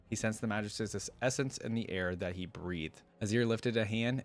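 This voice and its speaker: Reading fantasy fiction aloud for a fan video, he keeps a measured, dramatic delivery on the low side, pausing for relaxed reaction asides.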